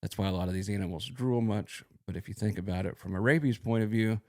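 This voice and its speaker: Gravelly low-voiced male veterinarian. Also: fast. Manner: relaxed, explanatory, folksy. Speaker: equine veterinarian. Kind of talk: educational podcast talk.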